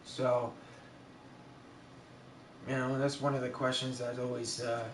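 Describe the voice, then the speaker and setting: A man chats loosely on a livestream and drifts through fillers and restarts at a middling pitch. His voice rings with heavy echo, picked up by a camera mic set well away from him. A faint hum of background noise sits underneath. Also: level tone, a little slow, far from the mic. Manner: rambling, with many fillers and restarts. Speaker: livestream host. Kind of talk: casual livestream chat.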